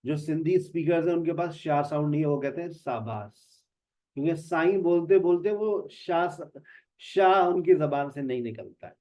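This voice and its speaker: Over an online class call, a man with a warm, fairly high voice speaks at a moderate pace, patiently walking students through pronunciation in spoken English and addressing each by name.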